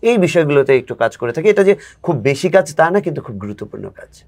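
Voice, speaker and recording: A man's voice: fairly high pitch, sing-song, quick pace, darkish tone. A man who coaches spoken English, a guest in a casual interview, explaining patiently and acting out examples.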